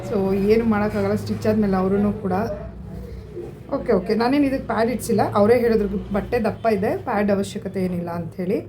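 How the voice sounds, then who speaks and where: A woman's voice: medium pitch, fast talker, noisy background. A woman in her thirties with a Kannada accent, chatting casually in a family vlog and explaining a recipe. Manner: chatty, mixes English words into her talk. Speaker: vlogger.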